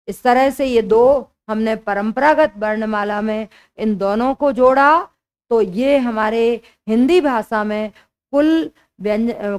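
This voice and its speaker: A young adult woman teaching a grammar lesson for exam preparation, explaining slowly and repeating her key points. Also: fairly high pitch.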